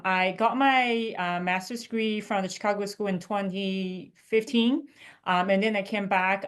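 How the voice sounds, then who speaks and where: A woman from mainland China, a doctoral student and panelist, speaking politely and with many uhs. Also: medium pitch. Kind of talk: panel introduction and advice.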